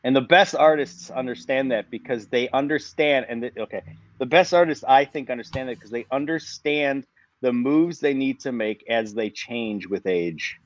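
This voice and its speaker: A man's voice: medium pitch, normal speed, dry recording. A man in his forties speaks as a musician guest on a podcast, thoughtful and meandering, often restarting his sentences. The audio is dry and a bit dull and lo-fi, with no room sound at all. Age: 40s. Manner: reflective, rambling with restarts. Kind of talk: casual podcast conversation.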